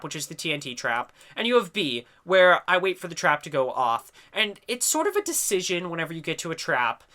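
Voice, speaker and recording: Congested from a sinus infection, this young man talks over gameplay footage in recorded commentary, chatting and explaining as he goes and trailing off with "I don't know." His voice is a little high with a sharp tone.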